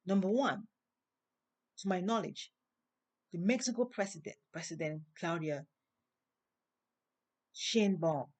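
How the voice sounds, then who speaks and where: Woman preaching slowly with emphatic rises. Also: on the low side, animated, a little mellow. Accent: non-native English. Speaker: host. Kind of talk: inspirational monologue.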